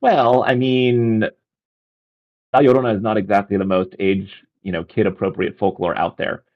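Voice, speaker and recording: A man's voice: fairly low pitch, level tone, moderate pace, dull audio. A man co-hosting a casual talk stream, hesitant and thinking aloud with many restarts. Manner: hesitant, full of "I mean" and restarts. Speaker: podcast co-host.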